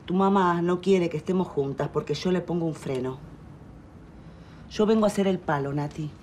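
An Argentine actress plays a calm anger-management coach in a telenovela, speaking in a measured, soothing way. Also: female voice, lowish voice, a little hiss or hum, natural voice. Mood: tender. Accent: Rioplatense Argentine. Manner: calming, measured, gently insistent. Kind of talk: telenovela acting.

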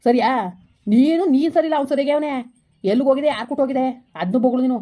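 A woman's voice: high voice, lightly acted. A woman playing an angry old village man who scolds and threatens his wife in a comedy skit. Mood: angry scolding. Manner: harsh shouting threats, rapid scolding.

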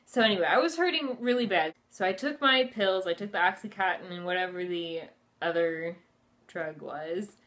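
A young female vlogger in her twenties recounts something personal to camera from a furnished room at home, conversational and chatty, with frequent "like" and "you know." Her voice sits fairly low, a little bright, at a moderate pace.

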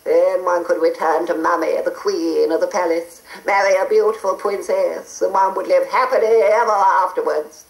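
A woman's voice: lowish voice, steady tone, moderate pace, creaky, hardly any pauses, voice pushed up. A woman voicing a fussy male beast who was once a prince, drawling, on an old cassette. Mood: plaintive. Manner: plummy, drawling, says "one". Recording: roomy old cassette recording.

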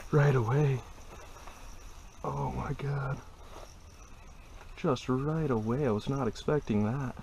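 Excited ice-fishing man, gravelly voice. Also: mid-range voice, slow, pauses often, background noise. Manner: excited, exclaiming. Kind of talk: casual first-person narration. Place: outdoors on a frozen lake, then in an ice shelter. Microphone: body-worn action camera.

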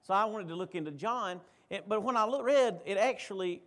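A man's voice: sits high, brisk, fairly bright tone. A man preaching a sermon in a church, in a conversational way full of restarts and repeated words. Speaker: pastor.

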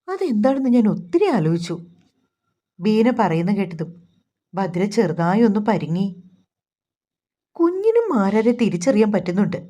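A woman narrating a romantic novel, voicing every character's dialogue in a soft, even storytelling voice. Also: mid-range voice.

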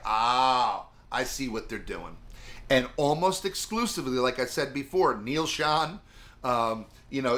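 A middle-aged music teacher gives a casual video guitar lesson on soloing, rambling and using lots of fillers. His voice is mid-range and bright with a forceful tone.

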